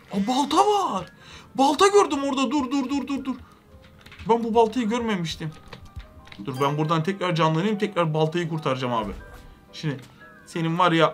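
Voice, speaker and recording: A young man giving comedic, excitable game commentary with loud exclamations. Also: high-pitched. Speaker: gaming YouTuber.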